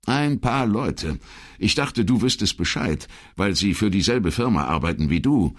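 A man's voice: on the low side, expressive, a little slow, pitched above the performer's own voice. A man voicing a middle-aged pathologist who speaks tersely and guardedly on the phone. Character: dry, curt male pathologist, middle-aged.

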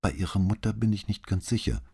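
A timid young woman in mourning, put on by a male reader, speaks in a low, almost inaudible voice and hesitates over her answers. The voice is lifted a little above his own, yet keeps a husky grain. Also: fast. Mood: subdued. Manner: soft, barely audible, hesitant. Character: quiet grieving young female student.

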